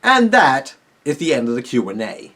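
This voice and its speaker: Wrapping up a casual Q&A on his own video channel, a YouTuber host rambles eagerly to viewers in a tired, strained voice, restarting sentences like an excited fan. His pitch is medium and his delivery very animated at a normal speed, with a bright, forceful tone. A little hiss or hum is present.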